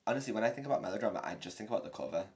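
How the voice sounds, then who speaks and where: A man's voice: on the low side, expressive, rapid-fire, a little mellow. A man co-hosting a casual podcast, dropping short quippy asides and reactions. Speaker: podcast co-host. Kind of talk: casual chat.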